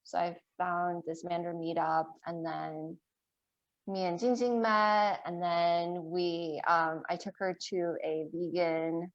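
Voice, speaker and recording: A woman in her forties hosting a casual podcast conversation, chatty and quick to laugh. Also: on the low side, flat delivery, dull audio. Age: 40s. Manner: chatty, laughs easily, uses lots of fillers. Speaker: podcast host. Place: home in Maine, US.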